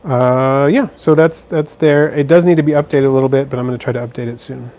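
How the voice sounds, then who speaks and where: Sitting indoors by a frog terrarium, a man answers questions from live stream viewers in an easygoing, chatty way, with lots of fillers and false starts. His voice is medium-pitched and darkish, with a steady tone and a quick pace.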